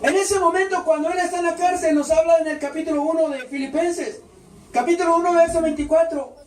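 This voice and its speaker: High-voiced fervent preacher in an echoey hall. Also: male voice, steady tone, brisk, slight background noise. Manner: fervent, with rhetorical questions to the congregation. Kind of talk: Spanish-language church sermon. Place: church hall with a congregation. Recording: echoey hall, voice picked up from a distance.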